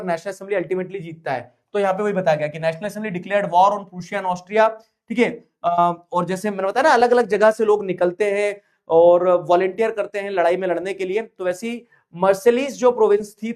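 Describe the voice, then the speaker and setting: With a voice that sits high and sounds slightly mellow, this man gives a playful online history lesson. He mixes English terms into his Hindi and repeats important phrases slowly.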